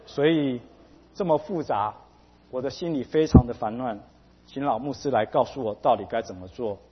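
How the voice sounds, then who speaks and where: A man's voice: medium pitch, moderate pace, slightly rough, natural voice. A man retelling a flustered married woman. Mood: anxious. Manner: anxious, hesitant pleading. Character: troubled married woman seeking counsel. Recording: dull lo-fi, long hall reverb.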